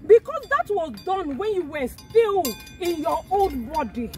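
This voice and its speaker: A woman's voice: very high voice, big pitch swings, unhurried, dark tone, full character voice. A woman with a West African accent playing an earnest, instructing evangelist in a comedy drama. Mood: earnest, preaching. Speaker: actor in a comedy series.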